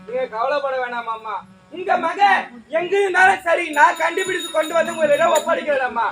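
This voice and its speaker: A man's voice: very high-pitched, fairly quick, sharp tone, soft background music. A man voicing a kind-hearted young son who speaks earnestly and politely in a stage drama. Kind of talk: Tamil stage drama acting.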